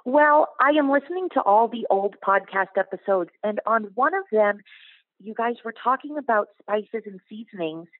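A woman's voice: fairly high pitch, lively intonation, moderate pace, no echo. Woman, phone caller, friendly and chatty, tinny phone line, dry sound. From New Hampshire. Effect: heard over the phone. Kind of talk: call-in question to a cooking show.

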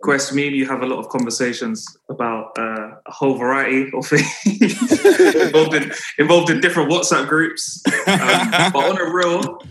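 A man's voice: medium pitch, steady tone, normal speed, hardly any pauses, fairly bright tone. A man with a London accent hosting a casual interview in informal, slangy language. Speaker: podcast host. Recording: echoey room.

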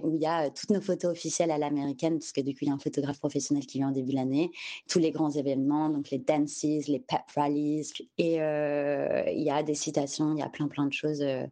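Low and dark in tone, a woman from France opens up about something personal on a podcast, speaking unhurriedly while hunting for words and dropping English terms into her French.

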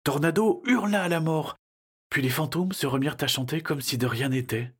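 A man narrating a children's adventure audiobook in a lively storytelling manner. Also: on the high side, moderate pace, breathy edge. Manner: lively storytelling, shifting into character voices.

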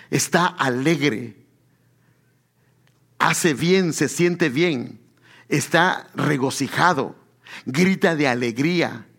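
A man preaching a sermon, speaking to the congregation as brothers and asking them rhetorical questions, drawing out key words slowly for emphasis. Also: fairly high pitch, fairly bright tone. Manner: addresses listeners as brother, asks rhetorical questions.

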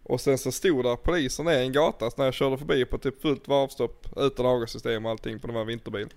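A man's voice: medium pitch, fairly even intonation, darkish tone. A young man in casual chat, laid-back and swearing, telling stories with laughs. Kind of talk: casual storytelling.

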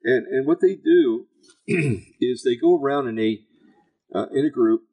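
A man with a raspy, gravelly voice hosting an online show, giving informal religious commentary in a rambling, halting, folksy way. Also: medium pitch, narrow, tinny audio.

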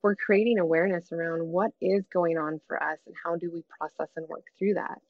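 A woman's voice: on the low side, fairly even intonation, a little fast, no room sound, narrow, tinny audio. A woman guest on a podcast, talking earnestly and encouragingly to other moms in a casual chat.

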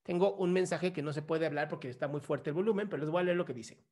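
A man's voice: on the high side, fast, a little mellow. Emphatic man answering a question. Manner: explanatory, emphatic, rhetorical questions. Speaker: psychology show host. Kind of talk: answering a viewer's message.

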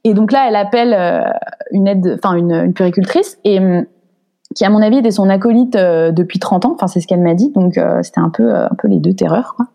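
A woman's voice: mid-range voice, fast talker, creaky, warm tone. A woman in her thirties telling a personal story in an interview, hesitant with many restarts, emotional and indignant.

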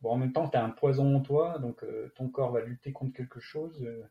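A French-accented man, appearing as a guest athlete in an interview, recounts his story in a casual way, halting often with fillers and restarts. His pitch sits in the middle range, and the recording sounds muffled.

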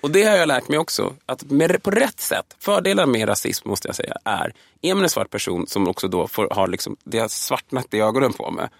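Gravelly, animated man telling a story. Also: mid-range voice, few pauses, no echo, clean studio sound. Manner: animated, swears a lot, acts out voices. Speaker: stand-up comedian. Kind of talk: casual podcast storytelling.

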